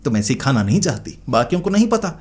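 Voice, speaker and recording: A man's voice: medium pitch, sing-song, quick pace, a little mellow, lightly acted. A man voicing a stern, proud old female witch leader who scolds and commands.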